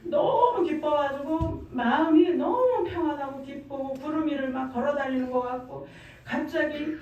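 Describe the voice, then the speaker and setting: A middle-aged woman with a high, mellow voice gives a fervent church testimony, pressing her points and repeating phrases. She stands well back from the mic, and her voice rings through a very echoey church hall. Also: normal speed, lo-fi sound, a little hiss or hum. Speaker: testimony speaker. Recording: very echoey room, far from mic.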